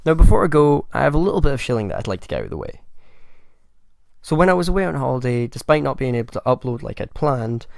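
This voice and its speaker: A man with a gruff voice, hosting his own channel and giving measured, earnest opinion commentary to camera. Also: medium pitch, big pitch swings, no echo. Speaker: channel host.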